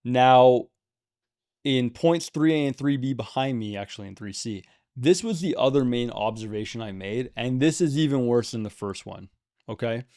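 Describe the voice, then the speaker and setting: A man's voice: mid-range voice, animated, normal speed, a little mellow, no room sound, studio quality. A man giving opinionated commentary to camera on a video game, emphatic and repeating words for stress. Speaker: gaming video creator.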